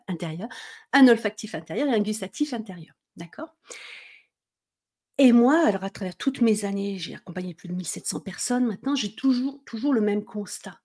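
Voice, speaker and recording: Middle-aged female coach, warm low-key tone, chatty teaching delivery, frequent check-ins. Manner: conversational, checks in with "d'accord?", acts out inner worries. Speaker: mindset coach. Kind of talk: explanatory coaching talk.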